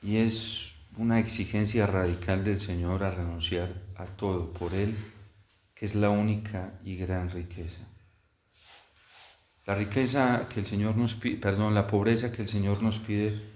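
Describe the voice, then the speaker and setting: A male priest delivers scripture and homily in a solemn, measured way. His voice is fairly low and very unhurried, carried by strong cathedral-like echo. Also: steady tone, darkish tone, slight background noise. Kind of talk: solemn liturgical Gospel reading and homily. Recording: echoey, cathedral-like church reverb.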